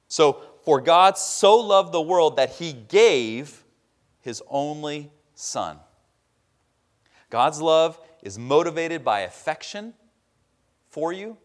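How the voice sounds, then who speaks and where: A man preaching a sermon, stressing key words loudly and dropping to a hushed tone at the ends of points. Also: fairly high pitch. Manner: emphatic preaching, swinging between loud stresses and quiet drops. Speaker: pastor.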